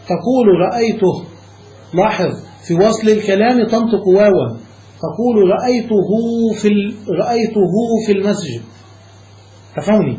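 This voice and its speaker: A man's voice: sits high, mellow. A man, a sheikh, teaching a grammar lesson to students, explaining each rule step by step and stopping to check that they follow. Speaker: Islamic scholar teaching Arabic grammar. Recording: roomy echo, faint hiss.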